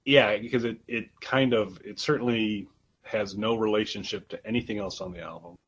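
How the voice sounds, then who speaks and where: A man's voice: lowish voice, fairly even intonation, normal speed, fairly bright tone, slightly rough, poor audio. A man co-hosting a casual album review podcast, talking in a hesitant way with many restarts. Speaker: podcast co-host.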